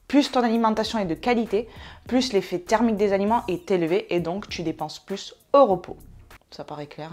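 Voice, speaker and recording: A woman's voice: mid-range voice, darkish tone. A woman hosting a fitness advice video, chatting casually to the viewer with playful, self-mocking asides.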